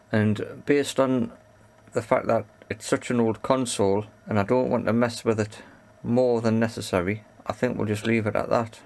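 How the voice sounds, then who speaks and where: Thinking out loud while working, a man presents a repair video with tentative, self-directed commentary. His voice is medium in pitch and creaky.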